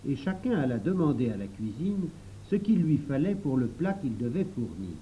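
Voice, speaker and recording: A man reading a storybook aloud as narrator, in an expressive, lively manner. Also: mid-range voice, normal speed, a little hiss or hum. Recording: dull, lo-fi.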